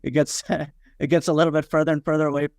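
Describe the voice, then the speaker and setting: A man's voice: a little high, little pitch movement, fast talker, gravelly, darkish tone, no room sound, studio quality. A man in his thirties from Nepal, a podcast guest speaking casually with many fillers and restarts. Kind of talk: casual interview chat.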